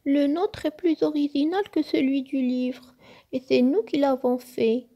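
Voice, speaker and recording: A woman's voice: high-pitched, steady tone, unhurried, warm tone, muffled recording, pitched above the performer's own voice. A woman voicing a cheerful, carefree little girl who speaks eagerly in a storybook.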